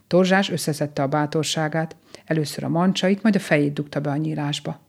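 A woman narrates a children's animal story in a calm, gentle, measured voice. Her pitch sits very low for a woman, giving the telling a soft, grounded feel. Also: creaky.

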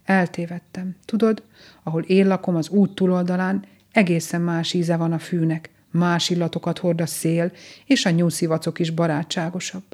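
A woman voicing a gentle, homesick young grey rabbit in a storybook reading, speaking softly and wistfully. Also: lowish voice, level tone. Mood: sad. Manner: soft, pleading and wistful.

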